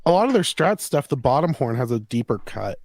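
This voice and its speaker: Male co-host, relaxed and scattered, dry close mic. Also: medium pitch, fairly quick, no room sound. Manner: easygoing, a bit scattered. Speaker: podcast co-host. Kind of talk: casual gear chat.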